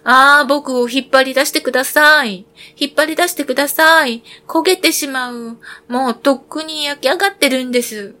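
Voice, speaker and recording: A woman's voice: sits high, normal speed, pushed and bright, voice pushed up. Talking bread in a storybook reading, raised and urgent, put on by a woman narrator; pleading, anxious. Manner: begging, urgent.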